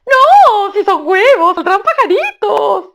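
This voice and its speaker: Brief: a woman voicing a silly, loud-mouthed little bird for a kids' storybook, piercing high pitch, belted sing-song delivery. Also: sing-song, takes it slowly, gravelly, heavily acted. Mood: gleeful. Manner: shrill sing-song shouting. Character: foolish loud male tailorbird, excitable.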